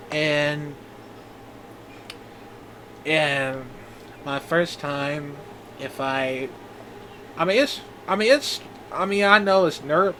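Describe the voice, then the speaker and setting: Slow, halting young man. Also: on the high side, fairly bright tone, slight background noise, rough recording. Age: 20s. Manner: halting, rambling, full of restarts. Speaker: vlogger. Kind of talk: personal video diary.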